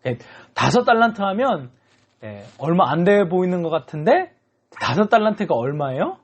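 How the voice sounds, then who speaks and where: A man giving a children's sermon, telling the story in an animated way and constantly checking in with the kids. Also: high voice, normal speed, dull audio. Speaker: children's ministry preacher.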